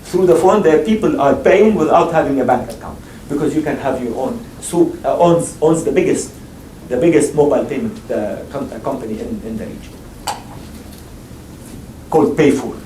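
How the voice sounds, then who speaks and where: A man speaks at a medium pitch with lively intonation, a moderate pace, and a warm tone, captured from a distance. In a lecture hall panel on investing that includes audience questions, he stresses his points, repeats himself, and restarts sentences frequently. Expect echo from the hall, a far-off mic, and faint noise.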